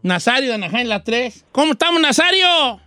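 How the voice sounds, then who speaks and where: A man's voice: very high-pitched, very animated, a little fast, bright, forceful tone, clear, resonant tone, dry recording, clean studio sound, faint music behind, exaggerated voice. Don Cheto, a man doing a cranky old Mexican radio host. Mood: bantering. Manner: teasing, quizzes callers, slangy. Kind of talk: comic radio show banter.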